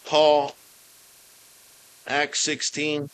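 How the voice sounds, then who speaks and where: A man's voice: on the high side, completely flat delivery, clean tone. A man preaching a sermon, switching between Spanish and English and stopping to hunt for the right word. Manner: mixes Spanish and English, pausing to search for words. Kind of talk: bilingual sermon.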